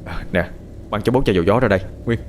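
A man's voice: lowish voice, fast, a little hiss or hum, natural voice. A man voicing a worried middle-aged father and husband in a spoken story.

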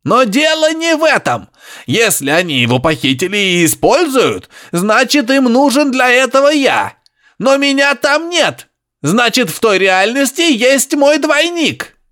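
A man doing a frantic shouting professor. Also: sing-song, a little slow, heavily acted. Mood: agitated. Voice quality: high, strained, grunting shouts. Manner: urgent and agitated, shouting. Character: excitable male professor over a crackling radio.

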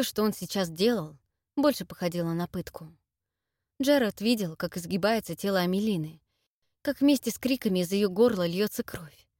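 A woman narrates a fantasy novel in an even, measured way, at a middle pitch for a woman. The recording is dry and close, with no room sound. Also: no echo. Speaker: audiobook narrator. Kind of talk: scripted narration.

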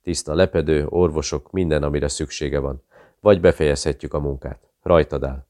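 A man voicing a cold, calculating interrogator who speaks with calm menace. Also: very deep voice. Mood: coaxing.

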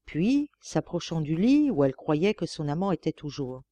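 Female audiobook narrator, measured and expressive, mellow tone, dry close sound. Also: deep voice, no room sound, muffled recording. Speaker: audiobook reader. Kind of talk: scripted narration of a classic tale.

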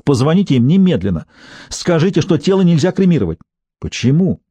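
A man's voice: fairly high pitch, sing-song, brisk, mellow, slightly rough, dry recording, pitched above the performer's own voice. A man voicing a tense woman police detective in an audiobook, clipped and urgent.

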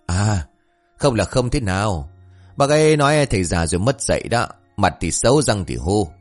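A man voicing a cheeky, talkative young male villager who speaks in a raised, whiny, excitable voice. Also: fairly low pitch, moderate pace, soft background music. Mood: tattling.

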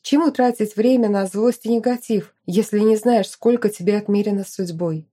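A woman reads a first-person fantasy romance aloud, expressive and emotive. Her voice is warm and mellow, with an even middle pitch for her sex. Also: moderate pace. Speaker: audiobook narrator. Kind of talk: first-person audiobook narration.

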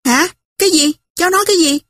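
Woman playing a fussy tearful aunt, high breathy voice, hurried fretting, audiobook reading. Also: lively intonation, no echo, clean studio sound. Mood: flustered scolding. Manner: flustered, fretting, fast. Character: fussy, timid, tearful middle-aged aunt.

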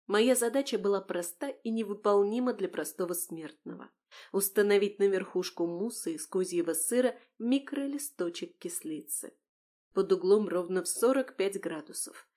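Wry woman reading an audiobook. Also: mid-range voice. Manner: expressive, wry storytelling. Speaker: audiobook narrator. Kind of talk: first-person audiobook narration.

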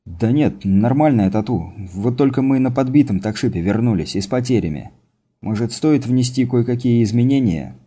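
A man's voice: medium pitch, expressive, moderate pace, warm tone, slightly rough. A man voicing an eager young male lieutenant pilot in an audiobook. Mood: earnest.

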